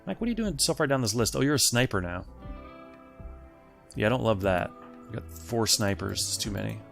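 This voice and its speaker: Animated and a little fast, this man's voice is on the low side, creaky yet a bit bright. Hosting a let's play, he thinks aloud and talks casually to the game's characters, with faint game music in the background.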